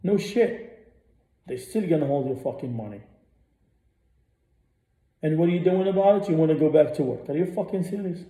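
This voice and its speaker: A man's voice: a little high, animated, moderate pace, long pauses, dark tone. Profane ranting man, echoey room. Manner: blunt, profane, repeats himself. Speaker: radio host. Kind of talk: ranting monologue.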